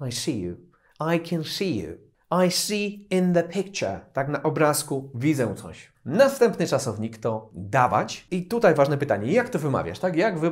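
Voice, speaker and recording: Man, English tutor, casual lesson, patient explanations, slow repeated example phrases. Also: medium pitch. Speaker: English teacher.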